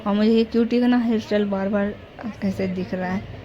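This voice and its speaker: A woman's voice: mid-range voice, steady tone, a little fast, mellow, muffled recording. A young woman vlogger chatting casually and rambling through a family story. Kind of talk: casual family vlog narration. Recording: faint background noise.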